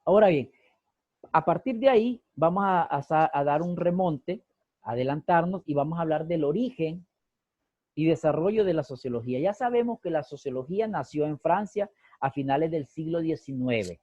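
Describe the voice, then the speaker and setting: Guy teaching class on a call, warm mellow voice, dry lo-fi audio, asks lots of questions. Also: fairly high pitch, animated, moderate pace, no room sound. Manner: asks rhetorical questions and repeats key phrases. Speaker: sociology teacher. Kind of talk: online class lecture. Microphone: video call.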